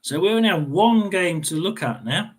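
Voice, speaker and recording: A middle-aged man hosting a football watchalong, chatting casually with many fillers and frequent throat clearing. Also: high-pitched, animated, moderate pace. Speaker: watchalong host. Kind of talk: casual live football commentary.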